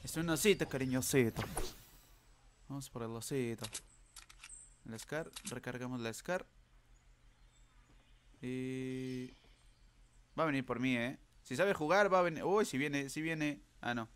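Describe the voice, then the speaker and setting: Excitable man commenting on gameplay. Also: mid-range voice, a little hiss or hum. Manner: excitable, talks to the viewers, repeats words rapidly. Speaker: gamer.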